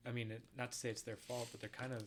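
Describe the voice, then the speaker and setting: A man's voice: medium pitch, little pitch movement, rapid-fire, a little hiss or hum. A young man hosting a casual podcast, easygoing, asking short questions and laughing along. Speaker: podcast host.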